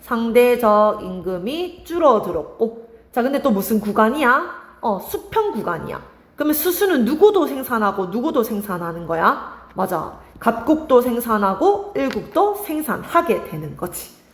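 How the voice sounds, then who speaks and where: A woman's voice: on the high side, big pitch swings, normal speed, roomy sound. A young woman teaching an exam-prep lesson, asking her students questions and answering them herself. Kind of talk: online exam-prep lecture.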